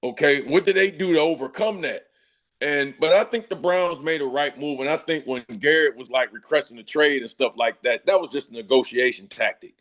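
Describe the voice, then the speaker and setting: A man with a fairly high voice talks football on a casual show, emphatic and full of slang. He jokes along as he makes his points, speaking as a former player. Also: fairly quick, a bit bright. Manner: emphatic, slangy, laughing asides. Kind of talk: casual sports talk.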